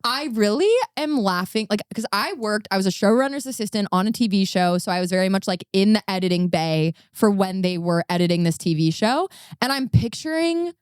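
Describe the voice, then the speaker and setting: A woman's voice: mid-range voice, animated, fairly quick, clean tone. Playful woman co-hosting a podcast. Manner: playful, addresses listeners. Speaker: podcast co-host. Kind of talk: casual podcast chat. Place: podcast studio.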